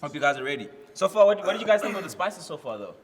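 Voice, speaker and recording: A man's voice: a little high, sing-song, racing, fairly bright tone. A man hosting casually, with slangy, hyping talk and repeated phrases. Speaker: host. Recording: reverberant room, faint noise.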